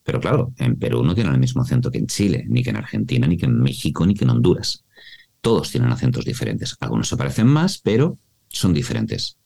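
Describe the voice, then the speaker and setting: A man from Mallorca with a Spanish accent from Spain, a voice-over artist and coach explaining things expressively in a podcast interview, often checking in with a quick "¿vale?". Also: a bass voice, very animated, creaky, mellow. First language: Mallorcan Catalan alongside Spanish.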